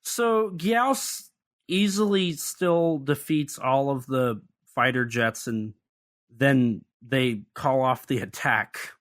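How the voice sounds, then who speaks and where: Co-hosting a podcast, a man with an ordinary mid-range voice walks through a film scene by scene in casual discussion, chatty and analytical with dry, lightly sarcastic asides. He speaks slowly at medium pitch with a fairly bright tone.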